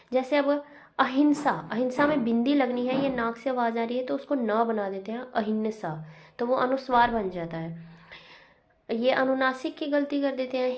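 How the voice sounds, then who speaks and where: High-voiced woman teaching grammar. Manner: explains with repeated examples and "matlab" asides. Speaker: Hindi teacher. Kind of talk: classroom lesson.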